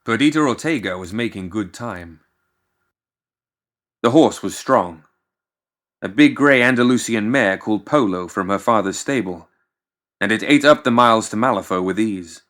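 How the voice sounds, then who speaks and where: A man narrates a story for an audiobook in a fairly low voice with a fairly bright tone and lively intonation. He reads scripted fiction in a measured, dramatic way.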